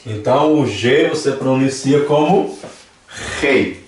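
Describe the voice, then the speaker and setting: A man with a Brazilian Portuguese accent teaching a language class, patiently repeating words slowly for his students. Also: mid-range voice, expressive, a little mellow. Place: church hall classroom. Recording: echoey church hall from far off, faint noise.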